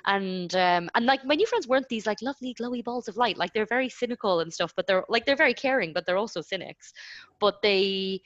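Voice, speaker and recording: A woman's voice: mid-range voice, brisk, no echo, muffled recording. Chatty young woman, dry sound. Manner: chatty, lots of likes, animated retelling. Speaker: podcast co-host. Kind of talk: casual chat.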